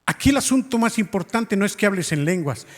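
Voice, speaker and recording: A male pastor preaching a sermon in a church hall, telling a story with passion and sometimes rising almost to a shout. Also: high voice, expressive, brisk. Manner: impassioned, rising to near shouts in retold scenes. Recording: long reverb of a large hall.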